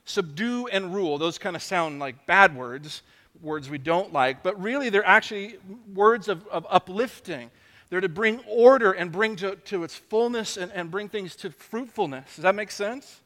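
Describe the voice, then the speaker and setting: A middle-aged man giving a sermon, his voice pitched high and bright, ringing with a long reverb. He talks conversationally, jokes at his own expense and restarts his phrases often. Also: normal speed. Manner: conversational, self-deprecating, many restarts. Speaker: pastor.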